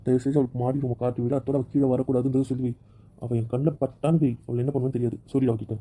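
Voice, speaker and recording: A man voicing the husband in an amateur romantic audio drama, often pleading softly. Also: medium pitch, flat delivery, racing, husky. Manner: pleading, soft-spoken apologies. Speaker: audio drama narrator and lead voice. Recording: tinny phone-like audio.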